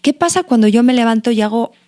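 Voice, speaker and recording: A woman's voice: a little high, animated, fast, darkish tone. A woman, a guest therapist and mother, explaining her ideas earnestly in a reflective conversation, drawing on examples from her own life. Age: adult parent. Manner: earnest, uses personal examples and self-questions. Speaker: guest logotherapist.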